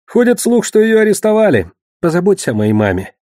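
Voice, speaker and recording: A man's voice: high voice, huge pitch swings, fairly quick, warm tone, dry recording, studio quality, voice pushed up. A man reading an audiobook, voicing a worried young tavern keeper who talks raised and urgent. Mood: anxious.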